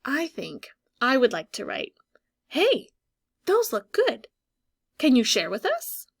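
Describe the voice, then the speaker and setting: With huge swings in her fairly high voice, a woman reads a picture book to young children like a teacher. She stretches out key words, puts questions to her audience and waits for them to think, staying expressive and clearly instructive throughout.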